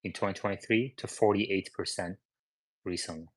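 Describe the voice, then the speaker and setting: A man hosts a live audio space, his voice low-pitched and recorded close and dry. He reads articles out loud, stops to add offhand remarks, and fills pauses with ums and uhs. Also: fairly even intonation, breathy edge, no echo, poor audio. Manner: reads articles aloud with side comments and filler words. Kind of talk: casual live discussion, reading news aloud.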